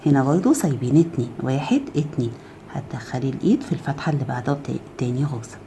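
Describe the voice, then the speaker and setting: Fast-talking Egyptian woman teaching crochet. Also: rumbling low, expressive, a little hiss or hum. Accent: Egyptian Arabic. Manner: counts stitches aloud, keeps asking "okay?"; drops to a soft murmur while handling the work. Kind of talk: step-by-step crafting tutorial.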